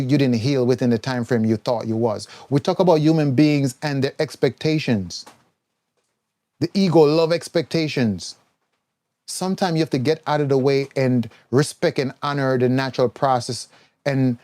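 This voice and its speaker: Blunt, preachy man with a dark voice. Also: mid-range voice. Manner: mimics others in quoted voices. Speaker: herbal health coach. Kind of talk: live-stream monologue.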